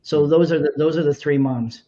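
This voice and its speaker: A man's voice: a little high, fairly even intonation, moderate pace, dark tone, dull audio. A man, a film director, speaking earnestly and emphatically on a festival Q&A panel.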